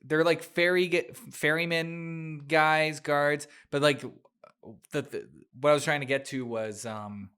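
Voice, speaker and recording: A young adult man hosting a casual book podcast, chatty and loose, laughing often, his throat dry so he keeps clearing it. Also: fairly high pitch, steady tone, takes it slowly, pushed and bright. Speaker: podcast host.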